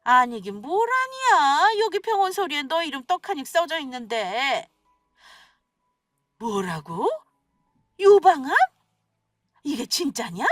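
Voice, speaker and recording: Lady playing a shrill nagging older mother-in-law, voice swooping way up and down, kinda far from the mic. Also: sing-song, slow pace, pauses often, dry recording, studio quality, faint music behind, heavily acted. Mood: suspicious. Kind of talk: scripted radio story acting.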